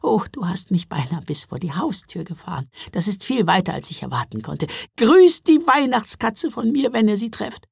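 A man's voice: high-pitched, big pitch swings, moderate pace, gravelly, few pauses, breathy edge, dry recording, clean studio sound, voice pushed up, heavily acted. Man doing a chirpy gingerbread man. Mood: friendly. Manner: warm, grateful.

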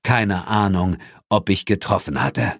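A man narrating an audiobook in an expressive, dramatic first-person style, recorded close in a studio. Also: low-pitched, unhurried, gravelly, no room sound.

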